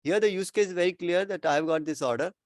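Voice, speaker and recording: A man's voice: sits high, quick pace, dry recording, clean studio sound. A man with an Indian accent explaining things informally as an expert answering questions, often repeating himself and checking with "right?". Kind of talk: informal explanatory Q&A with worked examples.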